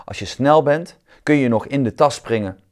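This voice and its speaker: A man's voice: medium pitch, moderate pace, a little mellow, pitched above the performer's own voice, close to an everyday voice. A man voicing a helpful pear in a supermarket in a read-aloud children's storybook.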